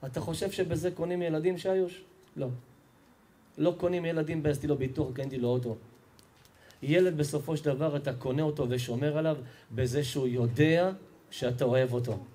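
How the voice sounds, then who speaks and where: A man, a rabbi, giving a Torah lesson to a live audience in an emphatic, animated way and putting questions straight to his listeners. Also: on the high side. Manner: emphatic, animated storytelling preacher; addresses listeners directly with questions.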